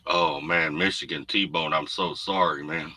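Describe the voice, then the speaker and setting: At a measured pace and fairly even intonation, a man with a deep voice speaks in a bright, forceful tone. He's a trucker hosting a laid-back livestream from his home room, rambling through viewer comments, with background noise on his desk USB condenser mic.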